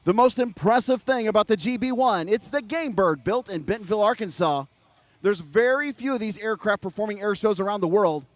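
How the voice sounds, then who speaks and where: A man calls an air show live in a very high-pitched voice. He hypes the crowd with punchy, excited emphasis, and the sound is dry, with very little room in it. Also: a little fast, dry recording.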